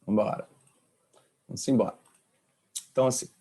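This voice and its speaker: A man's voice: mid-range voice, steady tone, normal speed, warm tone, slightly rough. A male professor giving an informal anatomy lecture, quizzing his students with questions as he explains. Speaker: kinesiology professor.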